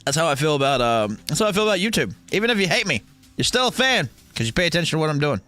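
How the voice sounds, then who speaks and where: A man's voice: fairly high pitch, sing-song, very fast, pushed and bright, faint music behind. A man in his thirties hosting a casual sports watch-along livestream, bantering and swearing as he answers viewer comments. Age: 30s. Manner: profane, joking banter with chat. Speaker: livestream host.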